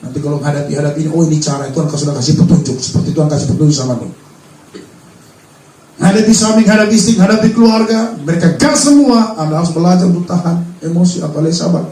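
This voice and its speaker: A man's voice: a little high, rapid-fire, mellow. A male pastor preaching a sermon, emphatic and full of rhetorical questions, recorded from a distance in a church hall. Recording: roomy hall sound from far off.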